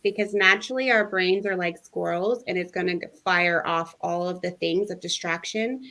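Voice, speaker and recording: A woman who guides mindful breathing, talking through it in a casual interview in an animated, expressive way. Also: lowish voice, normal speed.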